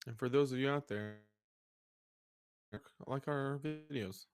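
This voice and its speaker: A man's voice: medium pitch, slow, soft background music. A man co-hosting a podcast in casual, conversational chat. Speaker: podcast co-host.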